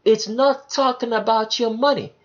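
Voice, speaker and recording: A man's voice: extremely high pitch, steady tone, normal speed, muffled recording. A man hosting his channel, reading scripture aloud and explaining it in an emphatic, preachy way. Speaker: channel host. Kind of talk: bible teaching commentary.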